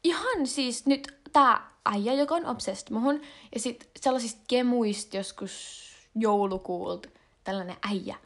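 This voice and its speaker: A woman's voice: a little high, a bit bright. A young adult woman vlogging in a casual confessional chat, rambling with lots of fillers and slang. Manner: rambling and slangy, with frequent fillers and English words mixed in.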